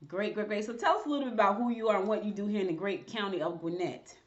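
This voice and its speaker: A woman's voice: mid-range voice, fast talker, dull audio. A woman hosting a casual live-stream interview, chatting to viewers as she goes. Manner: chatty, talks to viewers while fixing tech. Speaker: show host.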